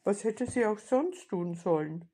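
A woman reading a children's storybook aloud as narrator, calm and steady. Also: medium pitch, unhurried.

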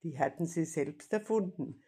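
A woman reading a children's storybook aloud as narrator, calm and steady. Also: low-pitched, normal speed, slightly rough.

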